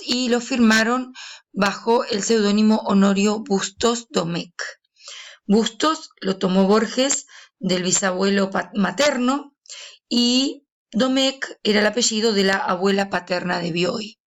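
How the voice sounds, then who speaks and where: A woman giving a recorded literature lesson, explaining slowly with frequent pauses and hesitations. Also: medium pitch. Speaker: literature teacher. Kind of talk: recorded lesson reading and commenting a story.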